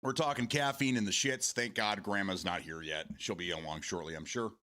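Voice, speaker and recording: A man in his forties hosts a casual morning stream, rambling, repeating words and swearing casually as he answers viewer comments. His voice sits low and sounds pushed and bright, and he talks briskly.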